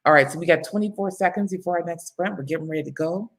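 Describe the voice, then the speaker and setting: A woman's voice: on the low side, fast. A woman book coach hosting live writing sprints in a casual, chatty way, laughing often and reading viewer comments aloud. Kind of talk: casual live-stream chat.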